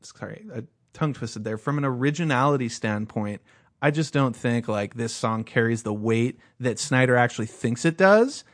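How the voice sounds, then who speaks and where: A man's voice: medium pitch, animated, moderate pace. A man co-hosting a podcast, ranting heatedly in casual chat with lots of swearing. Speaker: podcast co-host.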